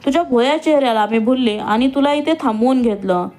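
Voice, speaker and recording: A woman's voice: sits high, lively intonation, moderate pace, darkish tone. A woman voicing a scheming, vengeful young woman who has escaped from jail and talks in a taunting, sneering way. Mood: angry.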